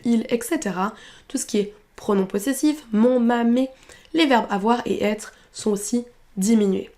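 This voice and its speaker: French lady teaching english sounds, bit high voice, says example phrases slow and stressed. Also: darkish tone. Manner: explains clearly, models English phrases slowly and with emphasis. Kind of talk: French-language pronunciation lesson.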